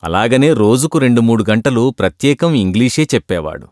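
A man narrating a humorous story in an even, measured reading voice. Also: medium pitch, no room sound, studio quality.

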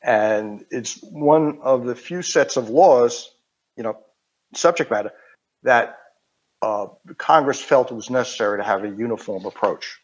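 A man's voice: mid-range voice, breathy edge. Older man with a thick-voweled Queens accent. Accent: Queens, New York. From Queens, New York. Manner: halting, digressive explaining. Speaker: interview guest. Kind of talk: informal technical explanation. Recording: dull, band-limited audio.

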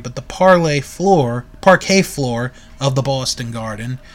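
A man with a fairly high voice recaps a video in an easygoing, unhurried way. He pads his sentences with fillers and stops to correct his own wording as he goes. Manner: relaxed, self-correcting with frequent fillers. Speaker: video reviewer. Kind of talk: casual recap commentary.

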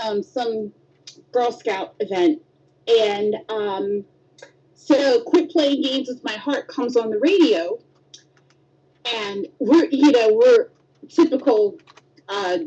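30s woman rambling thru a podcast story, kinda high, husky, muffled audio. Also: dark tone. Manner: chatty storyteller, acts out quotes with squeals. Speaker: podcast co-host. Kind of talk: casual chat.

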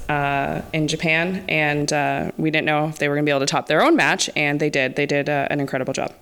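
A woman's voice: low-pitched, clear, resonant tone. A woman co-hosting a podcast in an echoey room, chatting casually about wrestling. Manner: giggly, nervous. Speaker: podcast co-host.

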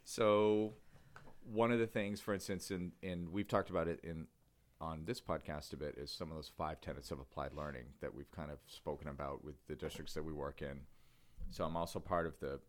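A man's voice: a bass voice, fairly even intonation, moderate pace. A man co-hosting an education podcast, chatting casually and rambling a little, often restarting his sentences. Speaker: podcast co-host.

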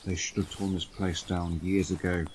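A man's voice: deep voice, flat delivery, normal speed, a little mellow, slight background noise, close to an everyday voice. A man playing a loyal, blunt, down-to-earth army sergeant in an audio drama. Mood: sombre. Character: loyal British army sergeant, plain-spoken, uneasy.

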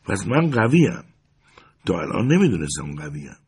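A man's voice: on the low side, sing-song, darkish tone, slightly rough, full character voice. A man reading the part of a guarded, wistful farm wife in a story, asking short, clipped questions.

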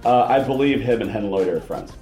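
A man with a lowish voice co-hosts a podcast, chatting casually about a movie and speaking a little fast. He retells scenes with animation, acting out quotes, while faint music plays behind him in a roomy, echoing recording.

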